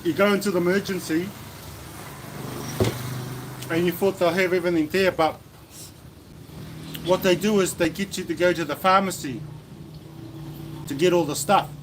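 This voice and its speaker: A chatty New Zealand man with a high voice hosts a relaxed lunchtime livestream. He rambles easily, full of fillers and restarts. A faint hum of noise sits behind him. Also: normal speed, pauses often. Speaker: livestream host. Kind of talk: casual livestream chat. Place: indoors at a lunch table in the Philippines.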